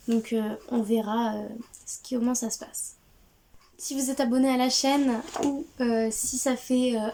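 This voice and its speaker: A woman's voice: on the high side, darkish tone. A woman hosting a casual book haul, cheerful and gushing, with frequent hesitations and restarts. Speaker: book video host.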